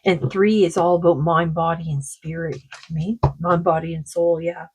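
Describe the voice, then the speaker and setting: A woman doing a tarot card reading, talking in a slow, meandering way, her throat sore. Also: fairly low pitch, flat delivery, vocal fry, a little mellow, slightly rough, low-quality recording. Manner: slow, meandering, full of likes and you-knows. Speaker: psychic card reader.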